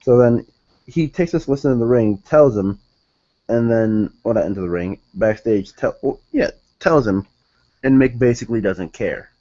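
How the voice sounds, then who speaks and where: A man's voice: mid-range voice, normal speed, dark tone, dull audio. A young man reviewing a wrestling show in casual solo talk, rambling, correcting himself and sounding exasperated.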